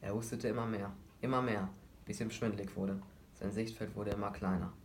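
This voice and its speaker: Male audiobook narrator, low voice, steady dramatic read. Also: a little fast, a little hiss or hum. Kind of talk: storytelling reading.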